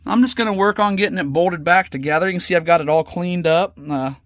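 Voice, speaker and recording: Here a hobby presenter speaks quickly in a high, slightly bright voice, chatting casually and thinking aloud as he works through an unscripted show-and-tell. Although it's filmed on a smartphone camera at the workbench, the audio is clean and studio-like, with no room sound.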